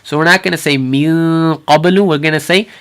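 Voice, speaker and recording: A man with a slightly high voice leads a recitation lesson. He explains patiently, then stretches out and repeats each sound slowly so students can copy it. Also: steady tone, pushed and bright. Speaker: Quran recitation teacher.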